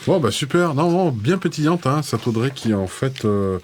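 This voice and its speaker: Mid-pitched man hosting a casual call-in. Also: animated, normal speed, darkish tone, slight background noise. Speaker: host of a call-in show.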